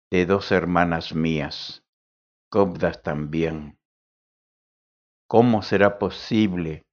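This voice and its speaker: A man voicing a gentle, compassionate young woman who speaks softly and formally. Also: sits low. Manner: soft, pleading formal speech. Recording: dull lo-fi recording.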